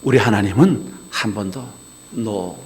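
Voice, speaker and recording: A man's voice: high voice, big pitch swings, brisk. A male pastor preaching a sermon, acting out the voices of the people he quotes as dialogue. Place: chapel. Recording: reverberant chapel hall.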